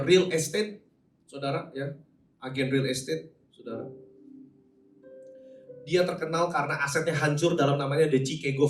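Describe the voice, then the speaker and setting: A man preaching a sermon as pastor, talking conversationally and animatedly, often turning to address the congregation directly. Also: mid-range voice. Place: large church hall. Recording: roomy echo, voice from some distance.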